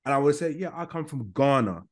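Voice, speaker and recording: A man's voice: mid-range voice, lively intonation, brisk. A man with a London accent in a heated podcast debate, blunt and dismissive, talking over the others.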